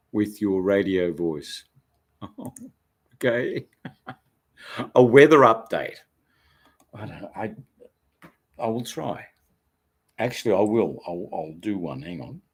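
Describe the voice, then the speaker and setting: Slow-talking Australian man chatting live. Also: on the low side, husky. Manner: relaxed, rambling, self-deprecating, with many restarts. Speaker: host of a live stream, former radio presenter. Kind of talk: casual live-stream chat reading viewer comments.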